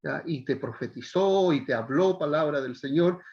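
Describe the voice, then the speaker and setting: A middle-aged man teaching a pastoral counseling class, gently coaxing a student and checking in often. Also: on the high side, moderate pace, muffled recording.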